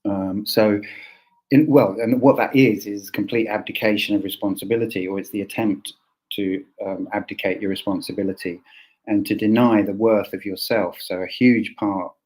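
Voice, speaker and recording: Man, southern English accent, slightly low pitch, informal host, hesitant, rephrasing as he goes. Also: fairly even intonation, moderate pace, darkish tone, poor audio. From Essex, England. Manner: hesitant, thinking aloud, rephrasing often. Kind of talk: informal roundtable presenting.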